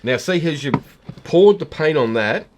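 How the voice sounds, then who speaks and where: A man's voice: a little high, lively intonation, unhurried. A middle-aged man, bantering in an easygoing, encouraging way. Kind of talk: casual chat.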